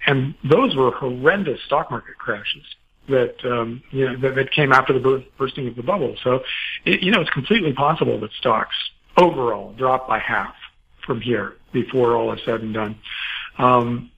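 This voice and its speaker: Husky man giving rambling interview answers. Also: medium pitch, normal speed, muffled recording. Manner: rambling, many fillers and restarts. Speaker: guest financial commentator.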